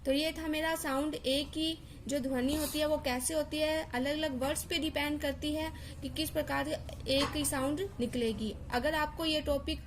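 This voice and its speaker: A woman's voice: high-pitched, fairly even intonation, normal speed, few pauses, a little hiss or hum. A woman teacher explaining English pronunciation, repeating words and spelling out letters to drill each sound.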